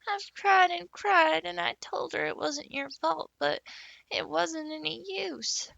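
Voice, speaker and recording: A woman voicing a tearful, devoted young girl who pleads and sobs in a high voice. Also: a little slow, vocal fry, pushed and bright, no room sound, heavily acted.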